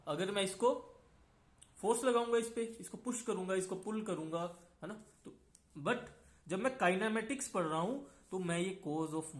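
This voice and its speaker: A man with a higher-pitched voice teaches physics in an echoey room, blending Hindi and English in classroom style. He breaks things down step by step and frequently adds "है ना" to check his listeners are following.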